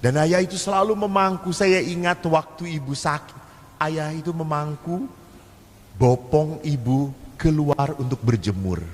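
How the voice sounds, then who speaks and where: Javanese priest preaching in an echoey hall. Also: male voice, on the high side, unhurried. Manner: storytelling with acted family dialogue, humorous asides. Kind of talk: sermon-style seminar talk. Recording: echoey hall, faint ambient noise.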